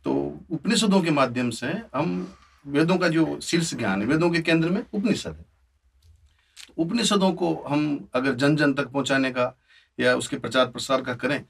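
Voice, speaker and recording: A man's voice: on the high side, lively intonation, moderate pace, vocal fry, slightly rough, far from the mic. A man at a religious gathering speaking hesitantly with many fillers. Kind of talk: discussion talk.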